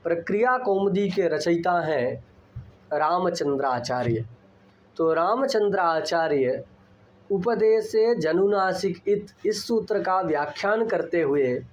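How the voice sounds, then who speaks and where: A man lecturing on Sanskrit grammar, explaining terms deliberately and repeating key points for his students. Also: high-pitched, muffled recording.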